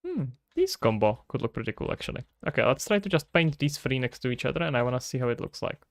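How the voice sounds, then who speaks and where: A man from the Czech Republic, with a Czech accent, chats quickly in a sing-song, medium-pitched voice while streaming game development. He reasons aloud and casually answers chat questions, and the recording is dry.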